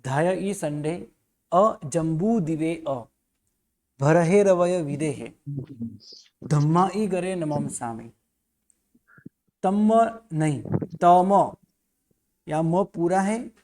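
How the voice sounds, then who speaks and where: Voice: mid-range voice, lively intonation, drawn-out words, long pauses, a little mellow. A religious studies teacher giving a recitation lesson at home, patiently correcting pronunciation syllable by syllable and sometimes chanting the verses in a melody. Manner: patient, repeats each syllable until it is right.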